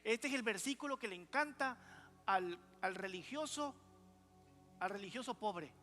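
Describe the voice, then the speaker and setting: Guy preaching in church, high bright voice, lively and chatty, keeps asking the crowd stuff, faint music behind. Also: normal speed. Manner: lively preaching, asks the congregation for replies. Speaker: pastor. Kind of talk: conversational sermon. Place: church sanctuary.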